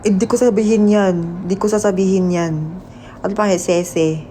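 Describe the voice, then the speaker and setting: A man's voice: high voice, steady tone, moderate pace, mellow, a little hiss or hum, poor audio. Playful young man livestreaming. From Philippines. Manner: playful, teasing, laughs at himself, mixes Tagalog and English. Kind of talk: casual livestream chat.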